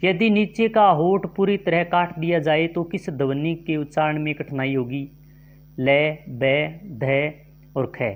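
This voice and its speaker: A man with a somewhat high voice leads an exam-prep grammar lesson. He reads multiple-choice questions and their options aloud. Then he explains each answer at an unhurried, deliberate pace. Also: fairly even intonation. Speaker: teacher.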